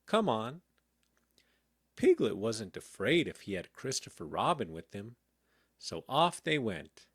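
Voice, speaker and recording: A man reading a children's storybook aloud in a calm, gentle bedtime manner. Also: lowish voice, slightly rough, dry recording, clean studio sound. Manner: slow, gentle, very expressive. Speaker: audiobook reader.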